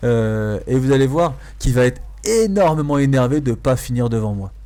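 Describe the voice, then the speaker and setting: A man's voice: mid-range voice, lively intonation, normal speed, warm tone. A man giving casual, amused gameplay commentary as a video host, hesitating and repeating phrases for emphasis. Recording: faint noise, game sounds behind.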